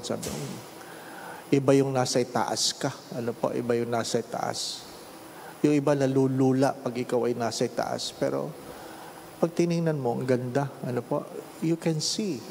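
Slow-speaking Filipino priest in a reverberant church. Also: male voice, mid-range voice, gravelly, darkish tone. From Philippines. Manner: measured delivery, mixing English and Tagalog. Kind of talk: gospel reading and homily. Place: large church at the altar. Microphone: handheld microphone. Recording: long church reverb, faint hiss.

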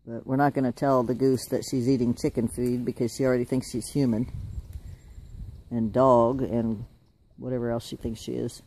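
A man's voice: mid-range voice, little pitch movement, moderate pace, warm tone. A man at home chatting to the camera and cooing at his pet goose, teasing and laughing as he goes. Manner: chatty, teasing, laughs often, coos at the bird. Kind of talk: casual chat to camera and pet. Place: at home, outdoors by the driveway.

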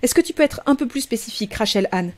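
A woman's voice: fairly high pitch, animated, fast, a little mellow, close to an everyday voice. A woman voicing an adult female emergency operator, patient and slightly amused. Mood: calm amused.

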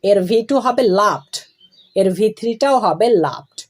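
A woman teaching English grammar, going slowly and deliberately through each verb form and letting phrases fall low at the ends. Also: lively intonation. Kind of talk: classroom explanation of verb forms.

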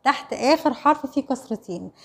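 Fast, high-voiced Egyptian woman teacher. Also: animated, vocal fry. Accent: Egyptian Arabic. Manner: quizzing pupils with rhetorical questions, answering herself; repeats "خلاص؟" and "ماشي؟" to check understanding. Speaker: primary school Arabic teacher. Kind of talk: online classroom lesson.

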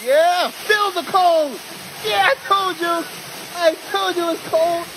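A man with a very high-pitched, steady voice chats casually to viewers while filming a hike on a canyon trail beside a stream. He's playful and exclamatory, using folksy phrases in this trail vlog. The handheld phone camera picks up noisy outdoor audio and the rushing stream.

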